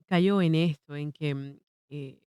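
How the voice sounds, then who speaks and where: A woman's voice: sits low, slow pace, warm tone, clean tone, no echo, clean studio sound. A woman co-hosting a casual radio talk, speaking hesitantly with many fillers and short reactions. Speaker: co-host. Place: radio studio.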